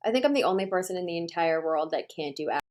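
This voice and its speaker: A woman's voice: on the low side, lively intonation, quick pace, a little mellow. Rambling woman chatting on a livestream. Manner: rambling, heavy use of "like". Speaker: livestream host. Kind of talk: casual livestream chat.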